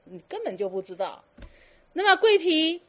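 A woman's voice: very high voice, very animated, normal speed, lo-fi sound. A woman giving a Buddhist dharma talk to students, firing teasing rhetorical questions and slipping in English words. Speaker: Buddhist teacher.

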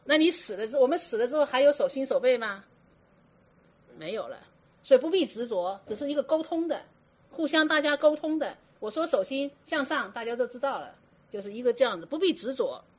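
A woman's voice: high voice, expressive, brisk. A woman teaching a Buddhist sermon, often asking her listeners rhetorical questions. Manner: asks many rhetorical questions. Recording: dull lo-fi recording.

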